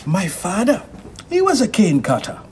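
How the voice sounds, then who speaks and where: A man's voice: sits high, wildly swooping pitch, moderate pace, darkish tone, slight background noise. An actor playing a laid-back male cafe owner who talks in a dry, matter-of-fact way, in a 1980s TV drama.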